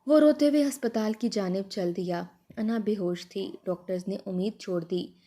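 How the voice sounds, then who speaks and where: A woman's voice: mid-range voice, lively intonation, normal speed, mellow. A woman storyteller narrating an emotional love story in a sentimental, moralizing way.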